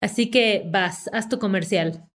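A woman's voice: mid-range voice, measured pace. A woman from Yucatán with a Yucatecan Mexican accent, co-hosting a podcast in a playful, slangy chat full of laughter. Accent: Yucatecan Mexican Spanish. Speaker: podcast co-host. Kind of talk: casual chat.

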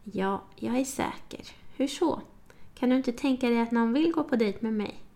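A woman voicing Sara, a young woman who is earnest and quick to bristle, in an audiobook. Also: a little high, warm tone, lightly acted. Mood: defensive.

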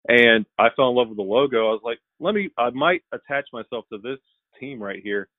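A man's voice: mid-range voice, a little fast, dry recording. Male fan guest from Alabama, casual interview chat, dry and thin phone-like call audio. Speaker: podcast guest, hockey fan. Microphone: remote call.

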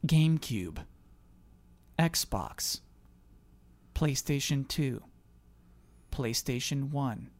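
A man's voice: mid-range voice, expressive, extremely slow, pauses often. A man chatting casually as the host and quiz reader on a gaming podcast.

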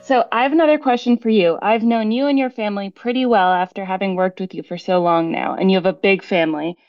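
A woman co-hosting a podcast, talking in a steady, matter-of-fact way and reading out figures. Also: medium pitch, no echo, lo-fi sound. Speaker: podcast co-host and producer. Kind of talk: casual podcast chat.

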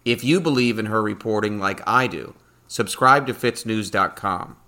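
Bright-voiced American man on a podcast. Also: fairly low pitch, moderate pace. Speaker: podcast producer and co-host. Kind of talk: scripted podcast announcement.

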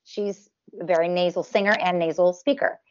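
This tribute performer, a woman guesting in an interview, has a nasal, fairly low voice with a steady tone and normal speed. She rambles casually in long runs with many fillers and restarts, and the audio's top end is cut off.

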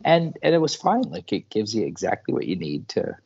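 A male podcast co-host who talks about comics enthusiastically and chimes in with quick agreement. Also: fairly low pitch, very animated, gravelly, a little mellow, husky, muffled recording. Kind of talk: casual comic book discussion.

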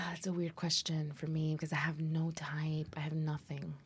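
A young woman from Miami, a podcast guest chatting casually and animatedly, often dropping into soft breathy asides. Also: deep voice, flat delivery, normal speed. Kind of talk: casual interview chat.

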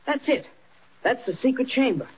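Vintage radio: an eager young lad reporter, excited and breathless, muffled hissy sound. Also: male voice, extremely high pitch, moderate pace. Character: eager young male cub reporter, bold. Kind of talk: 1940s radio acting. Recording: dull old radio recording, faint hiss.

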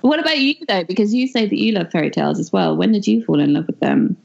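A woman's voice: medium pitch, very animated, fast, vocal fry, darkish tone. A woman chatting enthusiastically in an interview, rambling and correcting herself as she goes. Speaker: guest. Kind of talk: casual interview chat. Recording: dull, muffled audio.

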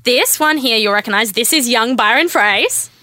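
Full of "um" and "like," this twenty-something Australian guest host spins chatty stories on a relaxed podcast. She speaks a little high at a normal speed, animated and pushed with a bright edge, captured in a dry, studio-quality recording.

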